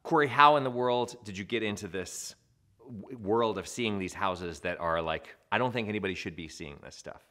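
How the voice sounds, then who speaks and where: A middle-aged man hosts an interview from a studio. His voice sits on the low side, and he asks his questions earnestly and with curiosity. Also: moderate pace, bright, forceful tone. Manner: inquisitive, earnest. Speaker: host. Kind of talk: interview host. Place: studio with dark backdrop.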